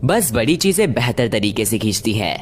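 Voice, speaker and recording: A woman voicing a knowing, patient male gas giant, lecturing assertively, in an educational animated comedy dub. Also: rumbling low, normal speed. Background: faint background music.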